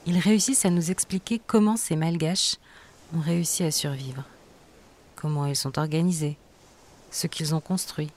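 A woman's voice: low-pitched, moderate pace, a little mellow. A woman hosting a podcast, reading scripted narration that links interview clips.

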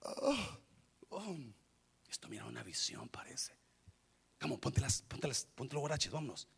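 A man acting a hurried angel, half whispering. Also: mid-range voice, huge pitch swings, gravelly, fairly bright tone, slightly rough, full character voice. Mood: urgent. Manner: hurried, coaxing, partly whispered. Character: urgent male angel waking a prisoner.

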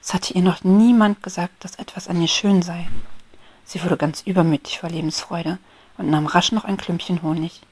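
A woman reading a children's story aloud in a whispered role-play, soft and slow. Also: on the low side, fairly even intonation, breathy edge. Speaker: ASMR storyteller.

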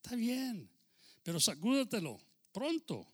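Bright-voiced preaching pastor. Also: male voice, very high voice, big pitch swings, a little slow, slightly rough. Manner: switches between Spanish and English, preacherly calls of amen. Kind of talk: bilingual sermon.

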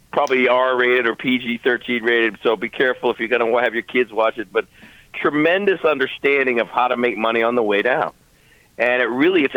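A man's voice: medium pitch, fairly bright tone, no room sound, poor audio. A man co-hosting talk radio with explanatory, conversational commentary. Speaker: radio co-host.

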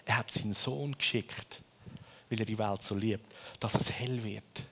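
A man from Switzerland with a Swiss accent, preaching a sermon in a lively storytelling way and often ending his phrases with a questioning tag. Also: on the low side, measured pace, creaky, breathy edge.

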